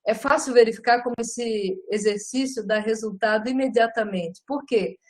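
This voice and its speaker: A middle-aged woman coaches a live audience on public speaking. Her voice sits a little high, and she talks in an animated way, often calling out to her listeners. She ends many phrases with quick tag questions. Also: low-quality recording. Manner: lively and animated, often addresses listeners as "gente".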